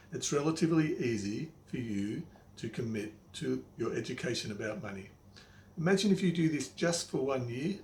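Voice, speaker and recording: An older man speaks at a medium pitch as a wise old mentor, teaching in a motivational monologue. He is plain-spoken and emphatic, restating points firmly. The room rings with echo and there is faint noise behind him. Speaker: money coach, presenter. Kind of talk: motivational instructional monologue to the viewer.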